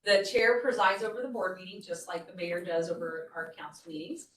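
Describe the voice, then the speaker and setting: A woman's voice: on the low side, steady tone, brisk, fairly bright tone, slight background noise. A woman city staff presenter giving a board training, talking conversationally and explaining with frequent restarts. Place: meeting room. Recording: echoey meeting room, distant mic.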